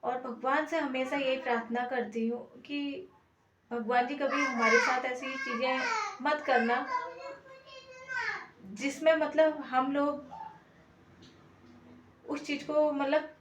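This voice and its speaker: A woman's voice: high-pitched, slow, pauses often, a bit bright. A young woman vlogger talking to her viewers in an earnest, chatty way, with many fillers. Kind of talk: casual talk to camera. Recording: echoey room, faint background noise.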